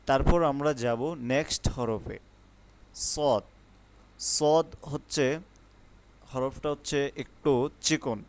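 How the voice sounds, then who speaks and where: A man teaching the Arabic letters in an online lesson, explaining each one patiently and then calling it out loudly and drawn out. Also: mid-range voice, dry recording.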